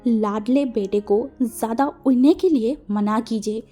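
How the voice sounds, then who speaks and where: A woman's voice: fairly high pitch, measured pace, mellow, faint music behind. A woman doing a stern, aloof young man. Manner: stiff, grave.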